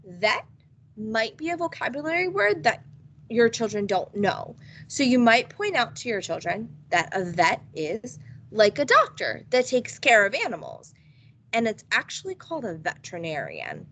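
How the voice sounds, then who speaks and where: A woman early childhood teacher giving a read-aloud lesson in an online meeting, expressive and questioning. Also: a little high, normal speed, husky, poor audio.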